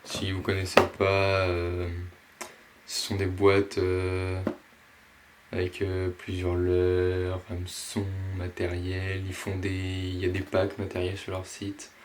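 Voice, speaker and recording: A man casually presenting and unboxing a box of fishing lures, pausing often with fillers. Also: sits low, completely flat delivery, background noise. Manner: slow, hesitant, many fillers. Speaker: fishing vlogger.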